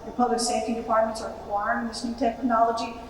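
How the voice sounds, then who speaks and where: Female American official, public presenter, slightly high voice, distant in a big reverberant hall. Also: little pitch movement, fast talker. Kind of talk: public presentation with audience questions. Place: large reverberant event room. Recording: very echoey hall, distant, faint noise.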